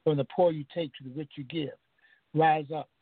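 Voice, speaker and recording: A man on a phone line reads his spoken-word poem with a steady rhythm and hard-hit refrains. His voice sits a little high for a man. The line is thin and tinny, and dry and close. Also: fairly quick, breathy edge, dry recording. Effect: over the phone. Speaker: caller reciting his poem. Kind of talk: spoken-word poetry reading.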